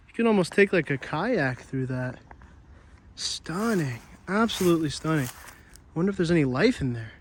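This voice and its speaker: Young male vlogger, winded, chatty and easily impressed, slightly high voice, recorded outdoors with light traffic noise. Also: animated, moderate pace. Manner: chatty, easily amazed, self-joking. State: out of breath from walking. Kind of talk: casual walk-and-talk vlog. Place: outdoors on a trail and city streets.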